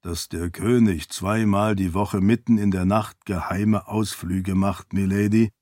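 A man's voice: low voice, fairly even intonation, unhurried, a little mellow, dry recording, clean studio sound. A man voicing a polite, wry male spirit servant in an audiobook, speaking with formal deference. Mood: dry, deferential. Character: dry-witted male spirit servant, a floating light.

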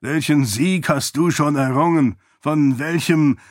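A man voicing a proud, hot-tempered male military commander who talks in a sharp, raised, commanding voice. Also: a little high, unhurried, no room sound, clean studio sound, pitched above the performer's own voice, lightly acted. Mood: angry, defiant.

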